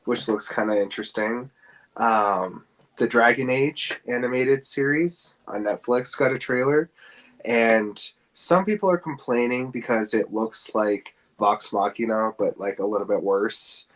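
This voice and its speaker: On a podcast he co-hosts, a man shares his opinions in relaxed conversation about games and film news. He speaks at a measured pace in a medium-pitched voice with a fairly bright tone.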